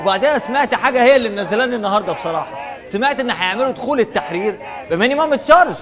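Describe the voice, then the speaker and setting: A chatty Egyptian everyman airing petty grievances in a comic vox pop. He is loud and high-voiced, racing along with long echo and crowd noise around him. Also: lively intonation, very fast. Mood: indignant. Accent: Egyptian, varying by regional character. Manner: loud, emphatic, colloquial. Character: indignant, chatty male protester with petty demands. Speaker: citizen interviewed in the street. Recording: echoing hall, crowd noise.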